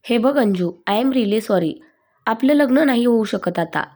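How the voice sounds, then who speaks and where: A man's voice: extremely high pitch, animated, a little slow, darkish tone, heavily acted. A woman voicing an angry young husband who speaks in curt, snapping bursts, in a storybook reading. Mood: tense.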